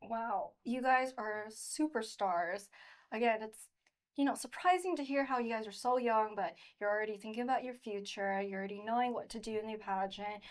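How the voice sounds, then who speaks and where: A woman hosting an interview in an encouraging, effusive manner, full of support for her guests. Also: a little high. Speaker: host and pageant coach.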